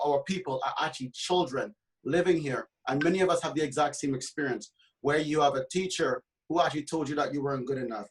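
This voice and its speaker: A man's voice: on the high side, rough recording. A man from Trinidad and Tobago who works as a realtor, speaking passionately on a panel discussion with many fillers and restarts.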